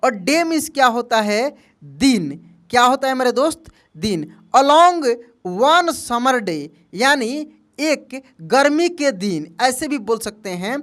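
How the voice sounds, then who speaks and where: High-voiced man teaching a spelling lesson. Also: big pitch swings, unhurried, a bit bright. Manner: asks quiz questions and answers them himself, calling listeners "my friend"; spells words out letter by letter. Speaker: English teacher. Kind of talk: spoken language lesson.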